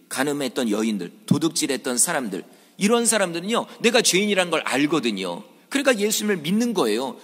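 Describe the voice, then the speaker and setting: A man preaching a Sunday sermon as pastor, dramatic, acting out quoted voices and swinging between soft and loud. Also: on the high side, slightly rough, long reverb tail. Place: church sanctuary.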